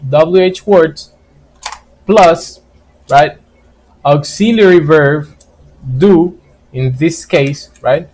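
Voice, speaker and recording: Male teacher, slow and patient, higher voice, repeats points and checks in constantly. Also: darkish tone, low-quality recording. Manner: explains slowly, repeats key points and keeps checking with "right?". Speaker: English teacher. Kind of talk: live online grammar lesson.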